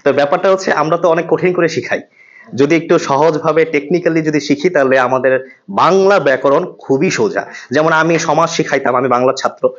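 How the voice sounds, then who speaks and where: A man from Bangladesh teaching pronunciation in a classroom, drilling sounds aloud with repetition and quick quiz questions. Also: fairly high pitch. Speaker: pronunciation instructor. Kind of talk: classroom lesson. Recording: slightly muffled classroom recording.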